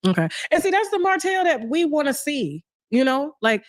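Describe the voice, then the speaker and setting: A woman's voice: sits high, very animated, no room sound, studio quality. A woman, interviewing a guest in a probing, teasing way. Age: 40s. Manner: probing, teasing, fast-talking. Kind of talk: interview chat.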